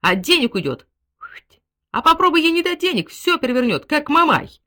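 Вспыльчивый пожилой генерал, которого изображает женщина-чтица, громко и раздражённо возмущается и пыхтит. Голос поднимается высоко, срывается на крик. Звучит как персонаж аудиокниги. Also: female voice, medium pitch, big pitch swings, normal speed, a bit bright. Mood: indignant. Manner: exasperated, huffing outbursts. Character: fussy old general, blustering, quick-tempered.

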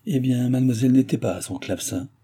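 A man's voice: medium pitch, fast talker, mellow, slightly rough, pitched above the performer's own voice. A man voicing a sly young chambermaid in an audiobook, talking in a sugary, insinuating way.

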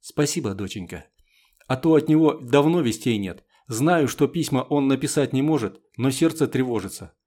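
A man voicing a kindly, worn middle-aged mother in an audiobook, gentle and fussing. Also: mid-range voice, expressive, moderate pace, lightly acted. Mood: tender. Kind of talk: audiobook character voice.

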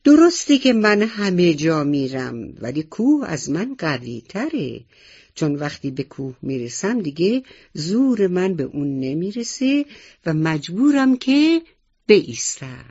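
Brief: strong wandering wind, read by a woman, emphatic, husky. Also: on the low side, sing-song, a little mellow, lo-fi sound, full character voice.

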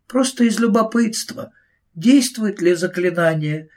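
A man's voice: high voice, animated, unhurried, darkish tone, voice pushed up. A man voicing a prim, anxious middle-aged witch who frets and insists primly, in an audiobook reading. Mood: flustered.

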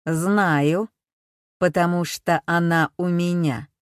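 A woman reading an audiobook, voicing a menacing male kidnapper who speaks through a mechanical voice-changer, slow, loud and mocking. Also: on the low side, fairly even intonation, no echo, studio quality. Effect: mechanical, metallic voice-changer over the phone.

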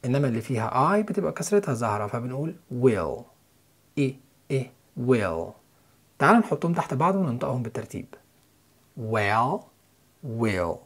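A man's voice: mid-range voice, animated, racing, slightly rough. A man with an Egyptian Arabic accent, explaining English pronunciation step by step as a listening-course teacher.

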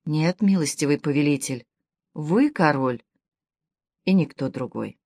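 Devout young peasant girl, reverent and earnest, low voice in a dry booth, read by a woman narrator. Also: animated, unhurried, a little mellow, no echo, heavily acted.

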